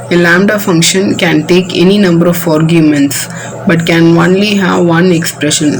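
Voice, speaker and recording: A woman's voice: on the low side, background noise. A woman teaching a computer science class. She walks patiently through code line by line, starting most sentences with "so". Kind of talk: classroom coding demo lesson.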